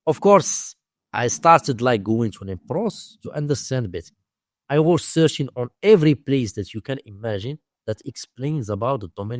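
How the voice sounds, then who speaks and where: The recording is dry, and the man's voice sits at medium pitch with a Moroccan accent. He's a domain investing teacher appearing as an interview guest, telling stories in halting, repetitive English.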